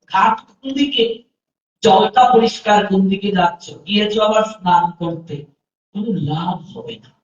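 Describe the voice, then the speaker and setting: A man from Bangladesh, a scripture reader telling a story in a dramatic sermon and acting out its characters. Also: high voice. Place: festival ground in a tea estate. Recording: echoey, distant, dull festival sound.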